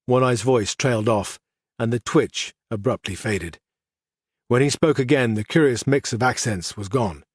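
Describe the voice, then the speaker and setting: A man narrating an audiobook in a measured, even reading style. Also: mid-range voice, breathy edge, no room sound, studio quality. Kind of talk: scripted narration.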